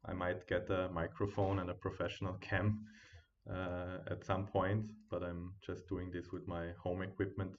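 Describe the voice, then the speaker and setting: Deep-voiced man streaming live trades. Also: flat delivery, normal speed. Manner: thinks aloud while watching charts, chatty with viewers. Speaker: day trading streamer. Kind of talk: live trading commentary. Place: home. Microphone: built-in computer mic. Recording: dull, quiet built-in computer mic.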